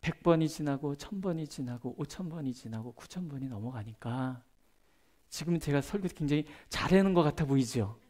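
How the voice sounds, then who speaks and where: Storytelling middle-aged Korean pastor preaching. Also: male voice, on the high side, animated, normal speed. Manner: conversational, tells personal stories with gestures; swings between loud emphasis and soft, hushed asides. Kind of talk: Thursday prayer-meeting sermon.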